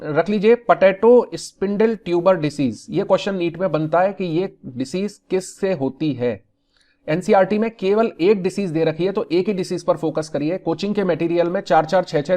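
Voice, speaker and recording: A man teaching an exam revision lesson, lively and direct, who asks questions and answers them himself. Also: sits high. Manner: animated, talks straight to students, calls them beta.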